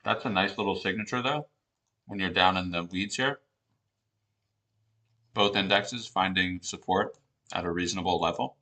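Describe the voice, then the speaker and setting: A man with a very low, gravelly voice and a bright, forceful edge hosts a live trading stream. He murmurs quiet, casual remarks as he watches the market, half to himself. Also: normal speed, long pauses. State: eating while talking. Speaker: trading livestream host.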